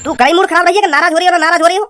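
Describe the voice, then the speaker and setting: A rude young village lad in a cartoon, voiced by a woman, who fires off blunt, sneering jabs at a breakneck clip. His voice sits high for a man, and he speaks in rough country speech that drips with scorn. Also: racing, very noisy. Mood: mocking. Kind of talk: Hindi cartoon comedy voice acting.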